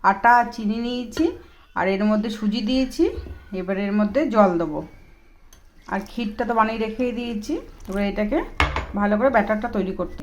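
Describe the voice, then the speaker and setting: A young mother, coaxing her toddler in a sing-song way and calmly explaining a recipe at home. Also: fairly high pitch, slight background noise. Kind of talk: casual home vlog with cooking narration.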